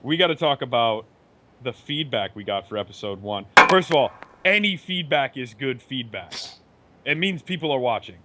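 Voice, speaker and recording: A man hosts a casual gaming podcast with an easygoing, joking manner. His voice sits at a middle pitch for a man. He keeps things light as he steers the talk between his guests. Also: expressive, normal speed, background noise. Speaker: host.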